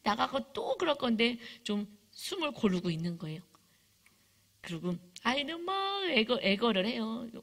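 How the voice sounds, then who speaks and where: Animated woman pastor preaching a sermon. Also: a little high, moderate pace. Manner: animated, acts out stories with voices.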